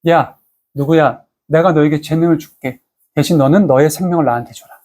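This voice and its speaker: A man's voice: on the high side, brisk, darkish tone, natural voice. A man playing a coaxing, bossy devil. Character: smooth-talking male devil tempting a listener.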